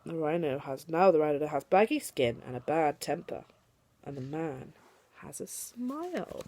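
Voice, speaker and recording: A young woman, a mother, reads picture books aloud to her little daughter, coaxing her gently between pages. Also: low voice, a little slow. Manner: animated storytelling voice, coaxing and gentle with her child.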